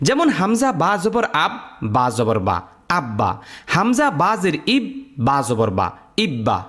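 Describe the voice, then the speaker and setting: A man teaching Quran recitation rules step by step, drilling letter sounds in a sing-song, teacherly way. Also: high voice. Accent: Bangladeshi Bengali. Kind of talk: step-by-step lesson.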